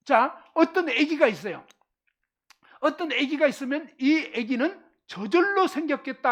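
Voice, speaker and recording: A middle-aged Korean woman giving a lively Bible lesson to a live class, constantly asking questions and checking that everyone follows. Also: high voice. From Korean countryside.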